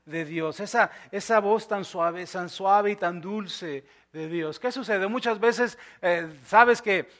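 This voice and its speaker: A male pastor preaching a sermon, dropping to soft near-whispers and then rising to loud, emphatic lines. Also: high-pitched, slow, hardly any pauses. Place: church.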